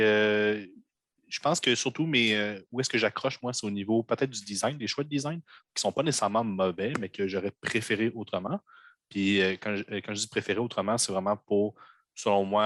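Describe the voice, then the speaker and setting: A man's voice: fairly low pitch, fairly bright tone, no room sound. A man with a Québécois French accent giving a casual video game review on a podcast, hesitant, with many fillers. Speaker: podcast co-host.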